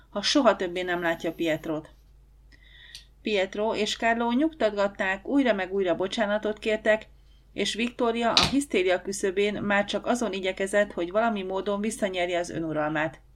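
A woman narrating an audiobook in a calm, measured way. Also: medium pitch. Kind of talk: scripted narration.

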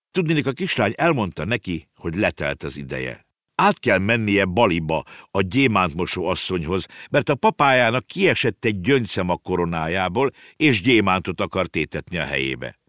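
A man reading a children's storybook aloud with expressive, animated narration. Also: low voice, no echo, studio quality.

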